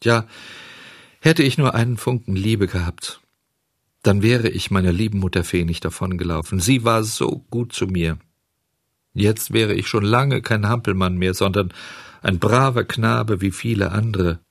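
A man's voice: on the low side, measured pace, vocal fry, no room sound, clean studio sound. A man reading a storybook aloud, voicing a foolish, desperate wooden puppet boy who whines and sobs his pleas. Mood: sobbing. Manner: whiny, sobbing pleas.

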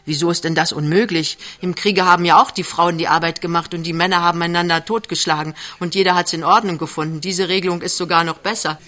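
A man reading aloud and voicing a gruff, brooding older man who talks bluntly to a young woman, in a scripted storybook reading. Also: on the high side, steady tone, fast, few pauses, pushed and bright.

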